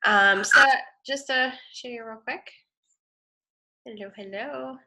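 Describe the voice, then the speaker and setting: In a low-quality recording, a woman with a fairly high, slow, sharp voice teaches an online design lecture live with a screen demo. Her head cold makes her sound nasal and sniffly, and her casual, chatty style brings frequent fillers and self-corrections.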